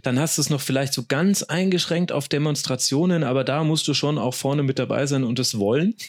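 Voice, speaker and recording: A man in his thirties from Franconia, chatting as a guest on a podcast. He talks with eager enthusiasm, stumbling over restarts and fillers as his thoughts run ahead. His pitch sits in an ordinary middle range. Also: brisk. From Franconia, Germany. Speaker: sports journalist guest. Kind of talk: casual podcast interview.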